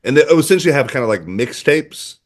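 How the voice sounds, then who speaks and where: Animated man telling stories on a podcast. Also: mid-range voice, quick pace. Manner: animated storyteller, many "like" fillers. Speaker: podcast co-host. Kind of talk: casual sports chat.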